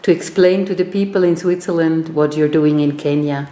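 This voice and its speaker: A woman's voice: low voice, fairly even intonation, moderate pace, mellow, echoey room. A woman interviewing a guest, asking short, direct questions.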